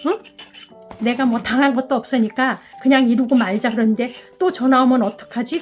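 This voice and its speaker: A middle-aged woman hosting a plant channel, chatting calmly while repotting succulents and acting out a phone call in a story. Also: high voice. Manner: calm, chatty, acts out phone dialogue.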